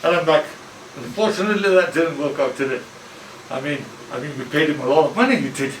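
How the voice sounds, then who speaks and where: A man's voice: a little high, lively intonation, fast talker, slight background noise. A man hosting a comedic football academy promo video, rambling and joking and stumbling over his words. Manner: rambling, stammering, jokey. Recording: roomy, distant mic, faint ambience.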